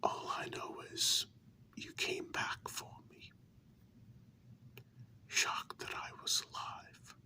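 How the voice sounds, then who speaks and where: Whispering intimately and with hesitation, a performer takes the role of a vampire's tender, candid human lover in ASMR, reassuring the listener. Their tone is sharp while the mood stays tender and reminiscent.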